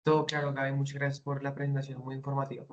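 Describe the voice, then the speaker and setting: A man's voice: medium pitch, monotone, racing, dull audio. A man on a video call briefly thanking the presenter.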